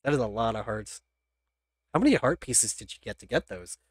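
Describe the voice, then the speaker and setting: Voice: medium pitch, animated, brisk, dry recording, studio quality. A game master narrating a tabletop role-playing game in a casual chat, laughing often between lines. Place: home streaming setup.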